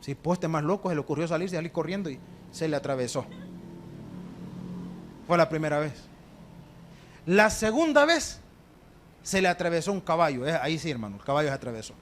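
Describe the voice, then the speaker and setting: A man with a Salvadoran Spanish accent, a pastor preaching a sermon, telling stories with acted quotes and swinging between hushed and loud delivery. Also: fairly high pitch, lively intonation, fairly quick, pauses often, slight background noise. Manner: addresses the congregation as brothers.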